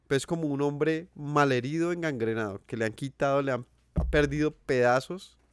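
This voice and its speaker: Smooth and medium-pitched, a Colombian preacher with a Colombian accent teaches at normal speed with fairly even intonation. He earnestly questions his audience and repeats phrases for weight. It's a dry recording with clean studio sound.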